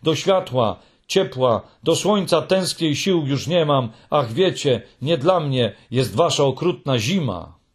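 A man's voice: high-pitched, lively intonation, measured pace, breathy edge, pitched above the performer's own voice, exaggerated voice. A man doing a lonely, defiant young Moomin troll. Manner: loud, defiant singing recital.

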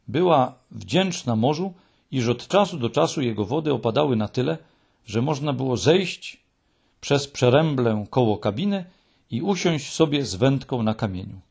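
A man reading a children's story aloud in an expressive, measured way. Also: medium pitch, creaky, husky. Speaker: audiobook narrator.

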